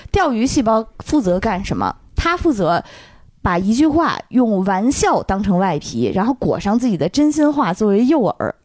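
A woman podcast host retelling a story in a playful, animated way, acting out the quotes. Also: mid-range voice, normal speed, no echo, clean studio sound.

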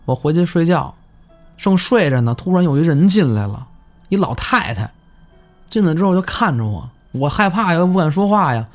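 A man voicing a frightened little boy quietly recalling a night visit, in his own voice. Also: fairly high pitch, lively intonation, normal speed, faint music behind, natural voice. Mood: scared.

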